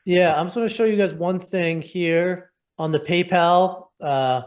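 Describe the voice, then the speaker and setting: Upbeat man pitching on a video call. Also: a little slow. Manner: upbeat, persuasive, rambling. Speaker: program host. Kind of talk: casual sales webinar talk.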